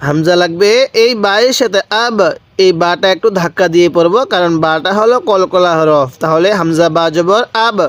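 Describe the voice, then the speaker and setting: Patient high-voiced man teaching Quran reading. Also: muffled recording. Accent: Bangladeshi Bengali. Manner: patient, repeats syllables and asks learners to read along. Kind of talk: slow spelled-out recitation lesson.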